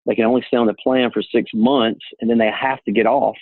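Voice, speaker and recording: Plain-spoken male insurance agent, husky and gravelly, heard over a tinny phone line. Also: mid-range voice, fairly even intonation, fairly quick, no echo. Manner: earnest, plain-spoken explaining. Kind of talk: casual explanatory talk on a call.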